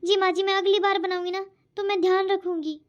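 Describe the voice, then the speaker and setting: A patient, submissive young daughter-in-law in a cartoon, voiced by a woman, polite and pleading in a very high voice. The audio is dull. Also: flat delivery, a little fast. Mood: meek. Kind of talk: cartoon voice acting.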